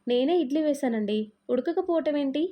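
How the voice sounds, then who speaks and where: A woman voicing a bossy, thrifty middle-aged mother-in-law who gives brisk orders in a Telugu storybook reading. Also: high-pitched, lo-fi sound, voice pushed up, natural voice. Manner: commanding, brisk.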